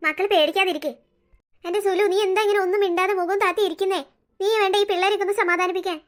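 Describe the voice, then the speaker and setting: A woman voicing a calm, steady middle-aged father in a cartoon story, reassuring and lecturing his family. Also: extremely high pitch, fast talker.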